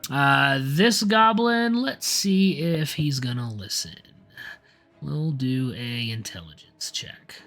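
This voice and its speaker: A man's voice: mid-range voice, expressive, slow pace, fairly bright tone, soft background music. A man narrating as dungeon master, describing scenes and reading rules aloud. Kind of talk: narrating a tabletop game.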